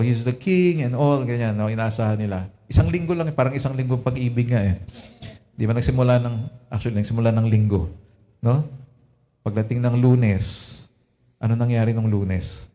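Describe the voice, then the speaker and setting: A man's voice: medium pitch, mellow. Filipino man preaching in Taglish. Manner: Taglish, frequent "no?" and "di ba?" tag questions. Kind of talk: Lenten sermon.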